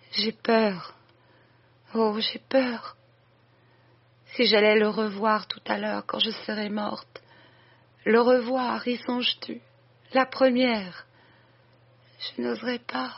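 A reader voicing an old dying woman who confesses to her sister, breathless, halting and imploring. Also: medium pitch, vocal fry, slightly rough, pitched above the performer's own voice, full character voice. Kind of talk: audiobook reading. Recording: dull lo-fi recording.

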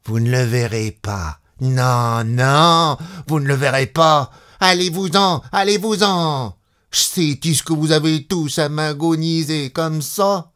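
A man voicing a coarse, bitter peasant woman of about forty who whines in falsetto and then shouts. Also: takes it slowly, clear, resonant tone. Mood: furious. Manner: whining falsetto turning to shouting. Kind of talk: dramatic reading.

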